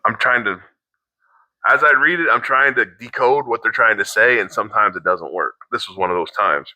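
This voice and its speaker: Reacting to online posts as a co-host, this middle-aged man has a fairly low, bright, forceful voice. He reads a post aloud in casual chat, keeps stopping to restart sentences, and drops swear words into asides, all on a low-quality recording without echo.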